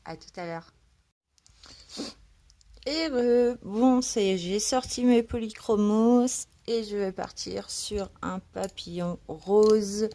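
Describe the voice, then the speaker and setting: This woman has only just woken up and is vlogging from home about her coloring in a chatty, halting way, leaning heavily on fillers. She speaks slowly in a warm, medium-pitched voice while a cat meows in the background.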